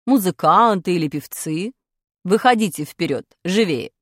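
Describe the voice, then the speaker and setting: Woman putting on a strict schoolteacher, bossy, loud, barking orders, storybook voice, lively swings in pitch. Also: moderate pace, no room sound, studio quality. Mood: commanding. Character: stern bossy female school singing teacher. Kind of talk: storybook character voice.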